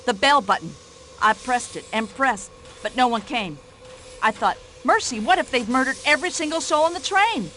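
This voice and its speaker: An actress playing a pushy, talkative middle-aged American widow who complains indignantly, with an American accent. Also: female voice, sits high, animated, normal speed, fairly bright tone, slight background noise, rough recording. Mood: breathless fright. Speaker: witness in a radio-style drama.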